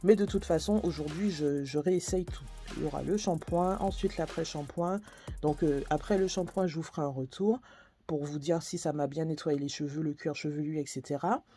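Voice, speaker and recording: A woman's voice: low-pitched, normal speed, dark tone, slightly rough, faint music behind. A woman reviewing hair products in a casual vlog, talking hesitantly with many fillers as she reads labels aloud. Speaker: beauty vlogger.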